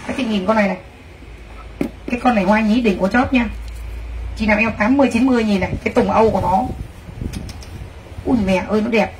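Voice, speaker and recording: A woman pitches clothes live at a fast clip and medium pitch, broken by long pauses, gushing with exclamations directed at her viewers. The rough recording catches her from a distance over faint background noise.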